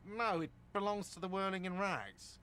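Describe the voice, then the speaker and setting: An actor playing a curt, sarcastic hostel manager in a video game. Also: male voice, high voice, moderate pace, pushed and bright, clear, resonant tone. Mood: grumpy. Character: grumpy, sarcastic middle-aged male hostel manager.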